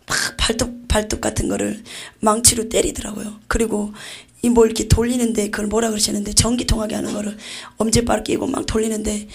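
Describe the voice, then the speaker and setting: A woman evangelist giving an intense revival testimony, often dropping into a hushed, breathy near-whisper. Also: mid-range voice, flat delivery, a little fast, few pauses. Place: church revival meeting.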